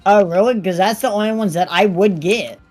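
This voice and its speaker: Co-player, laid-back, mid-pitched voice, voice chat mic, faint music behind. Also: a little fast. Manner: laid-back, says dude. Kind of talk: casual gaming chat.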